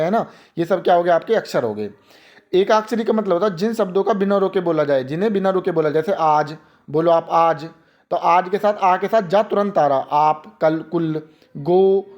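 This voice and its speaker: Young man, high voice, exam-prep teacher, answers his own questions, repeats examples slowly. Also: a little mellow. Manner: asks questions then answers them himself. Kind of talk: exam-prep grammar lesson.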